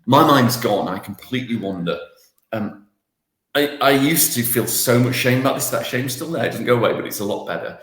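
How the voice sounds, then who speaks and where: A man's voice: medium pitch, lively intonation, fairly quick, a bit bright. Rambling self-mocking man, echoey room. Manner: self-deprecating, rambling with restarts. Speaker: podcast co-host. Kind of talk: casual banter.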